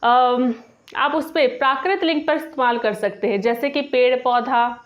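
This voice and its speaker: High-voiced woman teaching a grammar lesson. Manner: patient, repeats each example, slows on example phrases. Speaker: language teacher.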